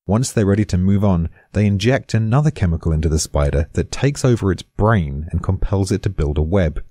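A man's voice: sits low, animated, a little fast, dark tone, no echo. A British man giving a scripted podcast explanation in a dry, darkly amused way.

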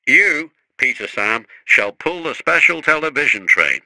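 A man's voice: on the high side, very animated, measured pace, pushed and bright, no echo, voice pushed up, full character voice, low-quality recording. Man playing a stern, commanding railway boss. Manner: firm and commanding.

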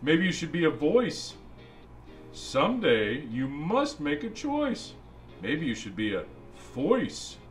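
A man acts as a jolly old Santa reading a storybook to children. His voice is fairly high and very animated, with an unhurried pace. He is playful and musing, chatting to the kids between rhymes. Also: soft background music, exaggerated voice. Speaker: storybook reader.

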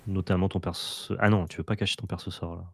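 Low-voiced man coaching a card game. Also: little pitch movement, fast, gravelly, husky. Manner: coaching, explains plays patiently. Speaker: co-host advising the player. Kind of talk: casual game commentary.

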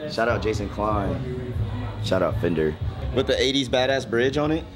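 A man's voice: mid-range voice, lively intonation, moderate pace. A man showing off to camera in casual, clipped phrases. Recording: clear music behind, handheld venue camera.

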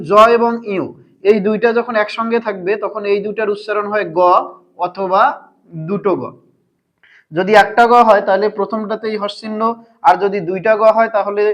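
A man's voice: sits high, muffled recording. A man teaching a language lesson, asking his viewers questions and answering them himself. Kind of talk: explanatory grammar lesson.

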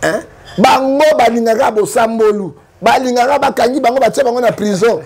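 A man from Congo with a Congolese French accent, giving animated political commentary full of rhetorical questions. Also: very high-pitched, fairly quick, vocal fry. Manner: emphatic, rhetorical questions, frequent "hein?".

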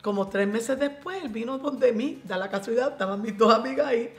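A woman's voice: fairly high pitch, brisk, reverberant. Puerto Rican woman telling her testimony. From Puerto Rico. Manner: animated storyteller, acts out quoted voices, mixes in English. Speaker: guest. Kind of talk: testimony in a radio interview.

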